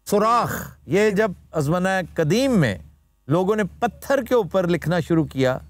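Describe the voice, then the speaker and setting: A man hosts a studio talk show and explains word origins like a teacher. His voice sits high and swings widely in pitch. The sound is dry and close. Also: animated, a little slow, no room sound. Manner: explanatory, lecturing, formal Urdu vocabulary. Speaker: host.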